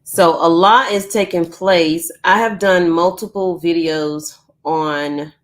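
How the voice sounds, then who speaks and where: Speaking slowly in a fairly low, steady voice, this woman hosts a casual live news stream from home for her YouTube channel. She's chatty, says "um" a lot, and is losing her voice.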